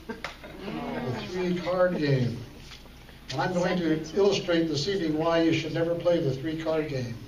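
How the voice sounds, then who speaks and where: A man's voice: fairly high pitch, a little slow. A man emceeing a church talent show, joking with the audience as he performs a card trick. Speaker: emcee and magician. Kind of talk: stage patter with card trick. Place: church hall with live audience. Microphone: far room recording. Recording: roomy hall, distant mic, audible noise.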